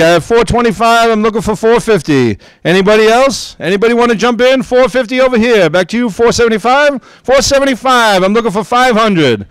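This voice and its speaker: A man with a high, smooth and resonant voice runs a live auction at a convention. He calls out bids rapidly, coaxing the room to raise the price. The sound is dry and close. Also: a bit bright, dry recording. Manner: upbeat, coaxing, rapid-fire bid calls. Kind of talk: live auction bid calling. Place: gaming convention event.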